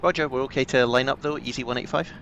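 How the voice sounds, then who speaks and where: A man's voice: medium pitch, fairly even intonation, quick pace, fairly bright tone, lo-fi sound, soft background music. A man streaming a flight simulator, giving clipped pilot radio calls into a cockpit headset mic.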